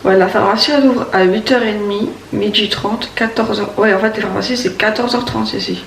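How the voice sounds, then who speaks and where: Speaking briskly in a steady, creaky, medium-pitched voice, this Parisian vlogger has a sore throat as she chats casually to camera one morning indoors at home. Her talk wanders, full of false starts, pauses, and fillers. The room echoes, she sits far from the microphone, and a faint hum lingers.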